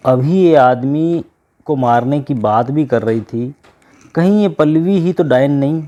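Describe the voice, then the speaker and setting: A man voicing a friendly, easily frightened young male train passenger in a story, conversational and expressive. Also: mid-range voice, unhurried, lo-fi sound, lightly acted. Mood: uneasy. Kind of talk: storybook dialogue.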